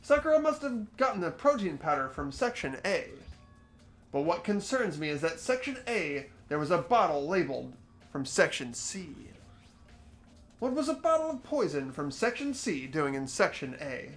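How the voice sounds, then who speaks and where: An amateur actor hosting a playthrough voices the earnest teenage boy protagonist of a fan-dubbed visual novel, thinking aloud as he investigates, curious and concerned. His male voice is fairly high and fairly bright, with big pitch swings and a moderate pace, over soft background music.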